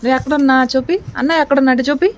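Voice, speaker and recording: A woman's voice: sits high, little pitch movement, very fast, slight background noise. A woman talking with her children at home, coaxing and pleading with them. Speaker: mother.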